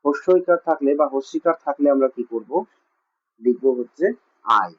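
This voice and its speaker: A man's voice: medium pitch, moderate pace, husky. A man teaching a lesson with a West Bengal Bengali accent, asking questions and answering them himself with lots of repetition. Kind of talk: classroom lesson. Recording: muffled lo-fi recording.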